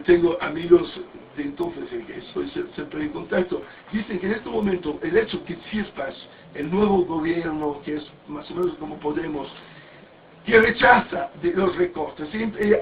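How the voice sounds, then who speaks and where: A man in his fifties giving a rambling, anecdotal sermon-like talk with many restarts and crude words. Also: sits high. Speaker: speaker at a parody mass. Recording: distant, tinny, faint background noise.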